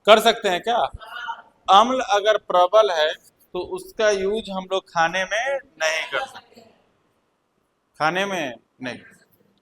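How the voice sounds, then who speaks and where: A man's voice: high-pitched, a bit bright, rough recording. A male teacher giving a classroom lecture, repeating key points and quizzing his students.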